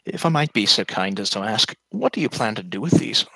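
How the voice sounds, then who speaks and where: Guy playing an elf craftswoman, formal n measured, husky bright voice. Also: fairly low pitch, very animated, dry recording, heavily acted, poor audio. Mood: businesslike. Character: composed elf woman craftsman, businesslike.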